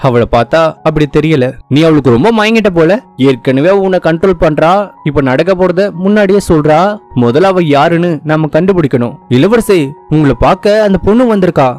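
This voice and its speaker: High-voiced male drama recap storyteller. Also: fairly quick, faint music behind. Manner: lively, reads out all the dialogue himself.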